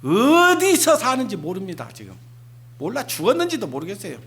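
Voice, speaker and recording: Pastor, male; very high, animated delivery, emphatic, keeps asking the congregation questions. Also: normal speed. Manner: emphatic, peppers talk with rhetorical questions to the congregation. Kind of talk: Sunday sermon.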